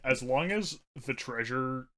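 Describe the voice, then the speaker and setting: A man's voice: medium pitch, expressive, a little slow, a crowd in the background. A man co-hosting a casual podcast, arguing his point with a wry, contrary edge. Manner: argumentative, wry. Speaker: podcast co-host. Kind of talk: casual chat about card games.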